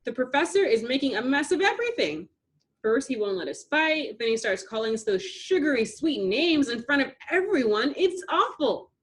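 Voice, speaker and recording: A woman's voice: high-pitched, sing-song, normal speed, voice pushed up. Woman doing a hot-tempered tough little girl. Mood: fuming. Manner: loud, mocking and indignant.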